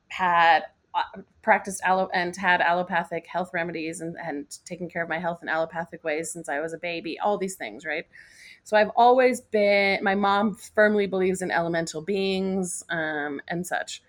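A woman from the US west coast, a life coach guest, talking animatedly and laughing easily in a casual interview. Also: on the low side. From west coast of the United States.

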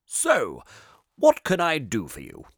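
A man voicing a large, jolly shopkeeper who speaks slowly and grandly. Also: mid-range voice, huge pitch swings, dry recording, studio quality, pitched above the performer's own voice, exaggerated voice. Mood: jovial. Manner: slow, grand and welcoming. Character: booming large bearded male shopkeeper, jolly.

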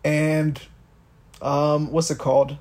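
A young man with a fairly high yet dark, mellow voice talks politics on a podcast. He rants casually and swears freely, often restarting his sentences as he thinks aloud. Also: flat delivery, slow pace. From Miami, Florida. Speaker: podcast co-host.

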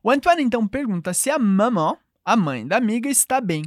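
A woman's voice: on the high side, sing-song, a little fast, dry recording, studio quality. A woman with a Brazilian Portuguese accent teaching a call-and-response language lesson, patiently modelling phrases for the listener to repeat.

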